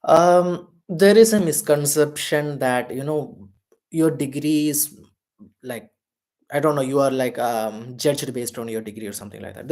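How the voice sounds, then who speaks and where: A man's voice: mid-range voice, a little mellow. A man, shivering in the cold outdoors, hosting a live Q&A and giving earnest career advice full of fillers. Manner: earnest, rambling, with many fillers. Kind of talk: live Q&A chat.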